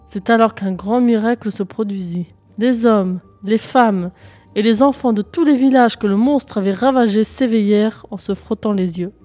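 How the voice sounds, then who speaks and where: A woman storyteller reading a folk tale aloud in a steady, expressive way. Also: mid-range voice, normal speed, soft background music.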